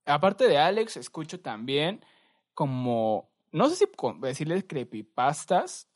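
A young man with a Mexican Spanish accent, co-hosting a podcast and telling stories in a relaxed, slangy, rambling way. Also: fairly high pitch, unhurried. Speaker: podcast co-host. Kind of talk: casual chat.

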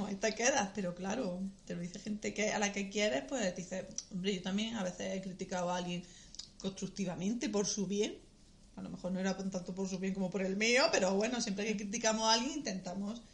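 A woman's voice: mid-range voice, fairly even intonation, normal speed, slight background noise. Frank, laughing Spanish-speaking woman guest. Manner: frank and swearing, laughs often. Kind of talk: casual podcast chat.

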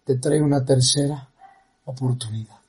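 A man with a Mexican accent playing a pompous, preachy life coach in a comedy parody, speaking slowly and solemnly. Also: mid-range voice, fairly even intonation, a little mellow, close to an everyday voice. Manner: slow, solemn, drawn-out preaching.

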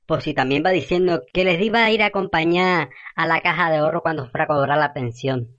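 A woman's voice: low voice, fast talker, a bit bright, lo-fi sound. A woman playing a fiery, foul-mouthed middle-aged gossip who rants indignantly in rural slang.

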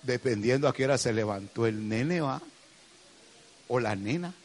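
A man's voice: medium pitch, animated, normal speed, darkish tone. A man, preaching a sermon as pastor, calling listeners "brother" and driving his points home with emphasis. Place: church hall. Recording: long hall reverb.

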